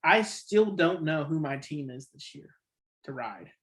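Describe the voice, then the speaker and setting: A man's voice: a little high, lively intonation, a little slow, a bit bright. A man hosting a casual sports podcast, rambling and opinionated, correcting himself often, with the hiccups. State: has the hiccups. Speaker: podcast host.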